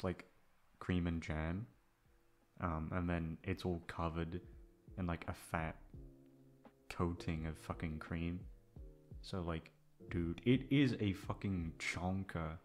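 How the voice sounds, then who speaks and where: This twenty-something voice actor speaks to listeners in a deep, darkish voice, meandering casually and hesitantly, mocking himself and cursing freely, all over background music.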